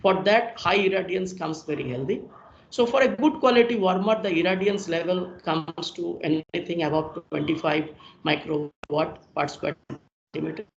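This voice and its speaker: A man with a gravelly, somewhat high voice gives a technical presentation at normal speed, explaining each point step by step before summing up. Captured through a screen recording of a video call on his computer mic, the audio is echoey and dull with faint hiss.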